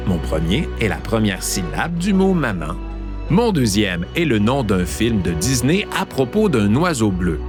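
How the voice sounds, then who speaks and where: A man with a Québécois accent hosting a show, playfully telling riddles and trivia and repeating each clue slowly. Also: mid-range voice. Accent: Québécois French. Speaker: podcast host. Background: background music.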